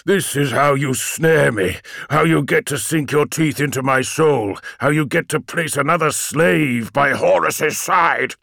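Grim commanding warlord-sorcerer, low gravelly voice, cold and clipped, voiced by a male narrator. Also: very animated, takes it slowly, a bit bright, no echo, clean studio sound, full character voice. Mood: accusing.

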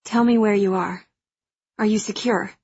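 An actress playing a fierce, protective young hacker aboard a spaceship in an audio drama, speaking with urgent, firm reassurance. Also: female voice, medium pitch, steady tone, moderate pace, dark tone, husky, no echo, muffled recording. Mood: worried.

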